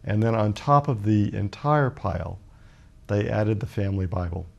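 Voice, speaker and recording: Gravelly low-voiced man telling a story. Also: fairly even intonation, darkish tone, dull audio. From Birmingham, Alabama, USA. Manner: measured and reflective, with frequent pauses. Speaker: guest author. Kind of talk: personal storytelling in a talk show interview.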